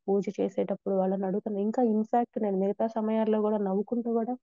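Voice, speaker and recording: A woman's voice: medium pitch, steady tone, quick pace, mellow, no room sound. Woman devotee, earnest testimony, dry close sound, slightly dull. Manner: earnest, devout, with frequent restarts. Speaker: devotee sharing experiences. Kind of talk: conversational testimony.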